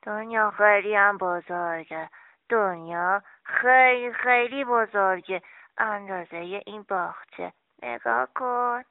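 A woman voicing a kind little earthworm who reassures gently, heard from a distance on a tinny recording. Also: mid-range voice, vocal fry, close to an everyday voice. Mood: reassuring. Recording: distant, tinny phone-like sound.

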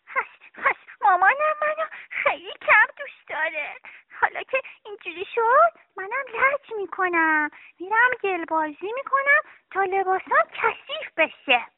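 A woman's voice: lively intonation, no echo. A sulky little girl. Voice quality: high childlike voice, tearful. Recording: dry, tinny phone-like sound.

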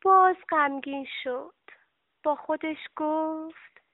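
A woman's voice: high voice, background noise. A woman narrating a children's story expressively, speaking to children, on a dry, tinny recording. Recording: dry, tinny phone-like sound.

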